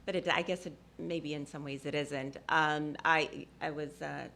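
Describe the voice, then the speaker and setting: A woman's voice: low-pitched, steady tone, moderate pace, creaky, a bit bright, a little hiss or hum. A woman from Ethiopia speaking on a discussion panel, hesitant and full of fillers, often laughing.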